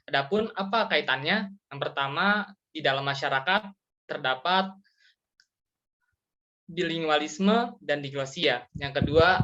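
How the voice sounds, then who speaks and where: A young student acting as moderator takes over the presentation, speaking formally at a middle pitch and working through numbered points. The sound is dull and lo-fi. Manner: formal, steady reading with enumerated points. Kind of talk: class presentation. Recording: dull lo-fi recording.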